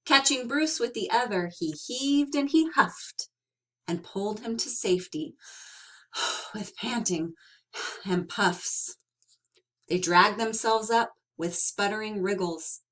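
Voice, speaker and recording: A woman with a mid-range voice reads a children's picture book aloud like an expressive storyteller. She adds dramatic emphasis and stretches out her words.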